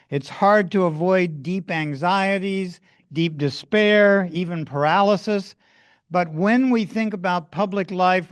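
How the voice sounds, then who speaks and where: A man with a clean, resonant voice and a slightly raised pitch opens a library film evening. He speaks in an earnest, measured way and works through long lists of thanks. The sound is dry and close, with little room echo. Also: smooth. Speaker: event organizer introducing a film screening. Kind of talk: public event introduction. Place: public library event room.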